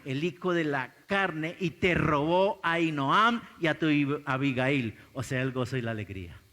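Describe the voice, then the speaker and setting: A man with a Colombian accent preaching a sermon as pastor, swinging between loud exclamations and low intense asides. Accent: Colombian Spanish. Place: large church hall. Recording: live church recording with long hall reverb.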